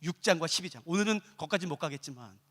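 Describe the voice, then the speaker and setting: A man's voice: fairly high pitch, lively intonation, fast talker, a bit bright. A young male pastor preaching a dramatic sermon in a church. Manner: dramatic preaching, acting out voices of crowds and believers. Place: church sanctuary. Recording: echoey church hall.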